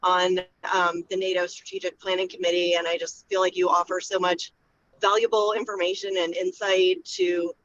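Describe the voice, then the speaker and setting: A woman's voice: fairly low pitch, flat delivery, normal speed, a bit bright. A woman speaks from a car speakerphone, her voice muffled and dull. A faint hum of the road runs under her words. She talks in a casual, thankful way on a video call. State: talking from a moving car over a phone. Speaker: panel attendee.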